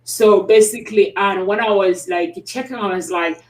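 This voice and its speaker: A woman hosting a talk show, speaking in a halting, casual way with many pauses and restarts. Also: medium pitch. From South Africa. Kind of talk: casual conversation. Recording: roomy sound, distant mic.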